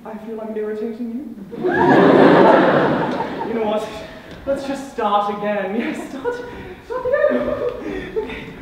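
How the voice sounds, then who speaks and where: A man's voice: extremely high pitch, lively intonation, slow pace, pauses often, crowd noise, exaggerated voice. A teenage boy on a theatre stage, acting a monologue as a gushing, overemotional young man who lurches between tears and giddiness. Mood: giddy. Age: late teens. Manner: theatrical, swings between tearful and giddy. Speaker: student actor. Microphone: distant room mic. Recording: echoey hall, far off, noisy.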